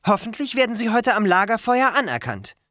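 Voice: mid-range voice, sing-song, brisk, pushed and bright, dry recording, studio quality, voice pushed up. An audiobook reader voicing Annabeth, a confident teenage girl who leads the camp and speaks firmly and reassuringly. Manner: firm, reassuring, takes charge. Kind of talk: audiobook character voice.

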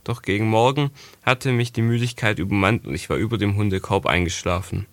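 Low-voiced guy reading a story out loud, calm, dry close mic. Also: a little fast, dry recording. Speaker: audiobook narrator. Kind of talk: first-person storybook narration.

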